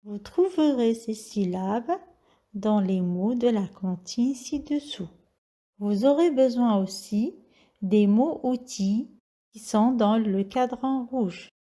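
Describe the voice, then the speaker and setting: A woman teaching a reading lesson to young children, drilling syllables slowly and carefully. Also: on the high side, mellow.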